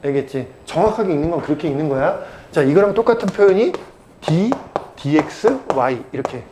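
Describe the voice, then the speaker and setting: Brisk, teasing male math teacher. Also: on the high side, expressive, noisy background. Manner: blunt, teasing, keeps quizzing students. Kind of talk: casual lecture to students.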